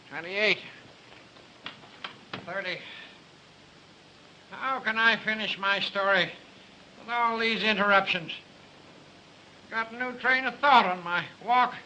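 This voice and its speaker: Grumpy snappy crime writer, high sharp voice, barks insults, old 1930s movie. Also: male voice, slight background noise, full character voice, rough recording. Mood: irritable. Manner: barking, insulting, impatient. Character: cranky irritable male crime-story writer. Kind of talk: early 1930s film acting.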